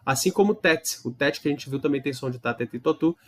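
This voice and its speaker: This Hebrew teacher speaks quickly in a mid-range voice on a recorded lesson. Patient in his explanations, he models the sounds and often asks tag questions to make sure his students are following.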